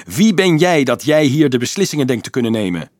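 A man's voice: medium pitch, big pitch swings, fairly quick, darkish tone, dry recording, studio quality, pitched above the performer's own voice, natural voice. A man voicing a stern, wrathful priest who speaks in a cutting, thundering way.

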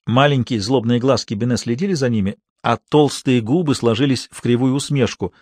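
A man narrating an audiobook in a measured, steady reading style. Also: medium pitch, no echo. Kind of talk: scripted narration.

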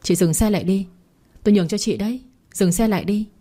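A woman's voice: medium pitch, quick pace, mellow, lightly acted. A woman voicing a frightened young woman who pleads urgently. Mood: pleading.

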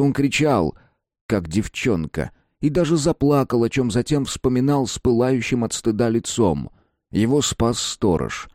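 A man reading a story aloud in an expressive, dramatic narration. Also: on the low side, no echo, studio quality. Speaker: audiobook narrator. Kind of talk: scripted narration.

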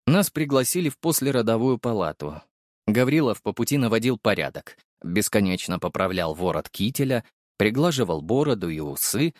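Guy reading an audiobook in first person, wry and expressive, pitch swinging around, dry close sound. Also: moderate pace, no echo. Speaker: audiobook narrator.

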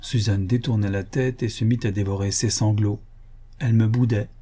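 A man reading a novel aloud in measured, earnest narration. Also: on the low side, fairly even intonation, warm tone. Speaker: audiobook narrator. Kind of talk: scripted narration.

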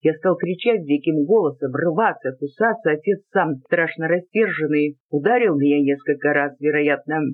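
Man, storyteller, measured first-person narration, fairly high voice, tinny phone-line sound.

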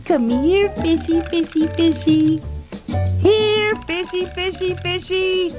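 A woman's voice: very high-pitched, slow pace. A woman voicing a cheerful, giggly cartoon face who jokes and plays with young children. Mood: giggly playful. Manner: giggly, playful, talks to kids. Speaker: kids' channel mascot. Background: music.

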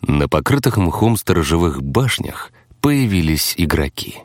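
A man narrating an audiobook in first person with a steady storytelling delivery. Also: deep voice, unhurried, no echo, clean studio sound.

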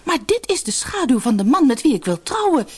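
A woman voicing a proud, beautiful young island woman in an expressive storybook reading. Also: mid-range voice, normal speed, slightly rough, pitched above the performer's own voice. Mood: excited calling. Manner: haughty, then pleading and desperate.

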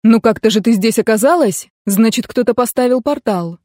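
A woman's voice: fairly high pitch, lively intonation, normal speed, darkish tone, no room sound, studio quality. A woman reading the part of a sarcastic, teasing young male mercenary in an audiobook. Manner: mocking, joking drawl.

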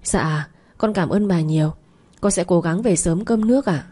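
A woman's voice: lowish voice, moderate pace, warm tone, breathy edge. Woman reading as scheming young mistress. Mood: meek pleading. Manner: coaxing, wheedling.

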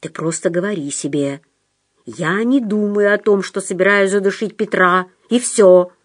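A woman voicing a manipulative male psychiatric patient who talks in a low, insistent, conspiratorial way. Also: moderate pace, no room sound, studio quality, lightly acted. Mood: scheming.

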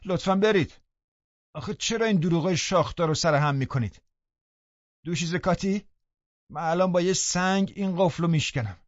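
Man voicing a middle-aged housekeeper woman, firm, scolding, high voice, dry dull recording. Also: animated, fairly bright tone, no echo. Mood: indignant. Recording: dull studio audiobook recording.

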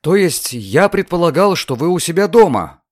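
Curious, self-assured young lawyer, read by a male narrator; animated, pressing delivery. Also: a little high, moderate pace, no room sound, studio quality, pitched above the performer's own voice. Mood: insistent.

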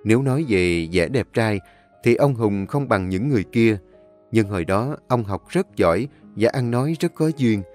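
A man narrating a story in a calm, measured, solemn way. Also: fairly low pitch, faint music behind.

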